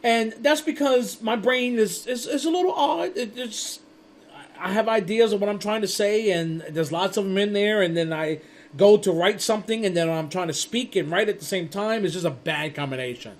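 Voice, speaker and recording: A high-pitched male course instructor speaks at normal speed in a casual spoken lecture, rambling with frequent restarts and stumbles. He tells stories chattily and acts out quotes along the way.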